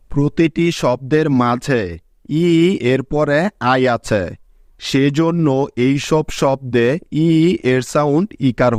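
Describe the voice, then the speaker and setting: A man teaching English spelling rules in a measured, instructive tone, speaking to his students. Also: medium pitch, clean tone, no echo, studio quality. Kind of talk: slow scripted lesson narration.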